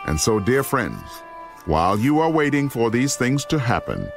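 A man playing the solemn apostle Peter in a dramatized scripture reading, speaking with deliberate, oratorical weight. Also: medium pitch, wildly swooping pitch, vocal fry, over music. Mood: solemn, exhorting. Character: apostle Peter, solemn elder man warning his flock.

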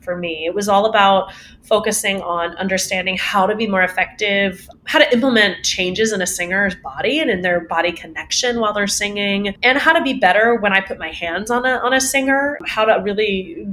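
A woman voice teacher answering interview questions in a casual, animated way, laughing often and poking fun at herself. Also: mid-range voice, brisk, slight background noise. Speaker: voice teacher guest.

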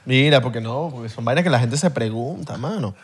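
A man's voice: medium pitch, expressive, brisk, breathy edge. A man from Valencia, Venezuela, co-hosting a podcast with laid-back, curious questions. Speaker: podcast co-host. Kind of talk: casual podcast chat.

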